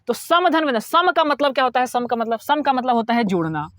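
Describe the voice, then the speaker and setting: A man's voice: very high voice, very animated, brisk, fairly bright tone, no echo, studio quality. A man teaching a lecture, explaining step by step, repeating key words and asking his students questions. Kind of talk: classroom lecture.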